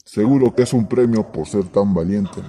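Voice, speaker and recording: Man doing a big daddy lion, really mellow and warm, reassuring, faint noise behind. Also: on the low side, moderate pace, natural voice. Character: big proud gentle father lion. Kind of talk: children's story acting.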